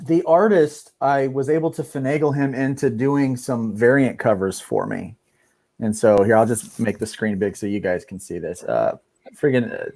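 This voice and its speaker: A man's voice: medium pitch, darkish tone. A man on a comics panel, enthusiastic and rambling while showing off cover art. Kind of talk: casual panel chat.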